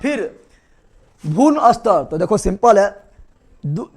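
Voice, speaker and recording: High-voiced man drilling a biology class. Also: very animated, a little mellow, breathy edge. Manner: drills students with repeated quick questions. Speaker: teacher.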